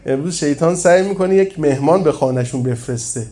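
A man's voice: on the high side, mellow, natural voice. A man reading the part of a stern, zealous man who urges harsh discipline, insistent and commanding.

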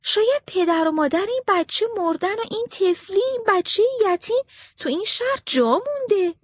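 A soldier feels sorry for a child, speaking in a raised, pitying voice, as a woman reads his part. The tone is soft and sympathetic. The sound is dry and close. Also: very high-pitched, lively intonation, dry recording, voice pushed up. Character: pitying male enemy soldier. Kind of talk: storybook character voice.

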